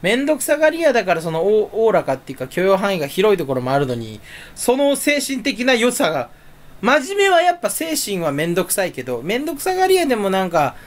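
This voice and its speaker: Casual solo chatter, male, rambling and self-deprecating, pitch leaps all over. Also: huge pitch swings, fast. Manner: rambling, self-mocking, swings pitch up suddenly. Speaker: streamer.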